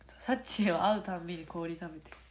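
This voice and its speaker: A woman chats casually on a livestream, giggling often and drifting between soft murmurs and brighter bursts. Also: fairly low pitch, fairly even intonation, quick pace, a little hiss or hum. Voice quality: nasal. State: stuffy nose. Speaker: idol trainee on a livestream. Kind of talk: casual livestream chat answering comments. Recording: roomy echo.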